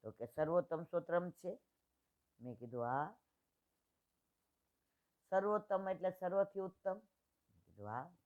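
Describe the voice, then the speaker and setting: A woman in her sixties, heard on a tinny line, gives a devotional storytelling talk as a satsang speaker, retelling dialogues in plain, homely speech. Her voice is lowish and expressive, a little slow, with long pauses.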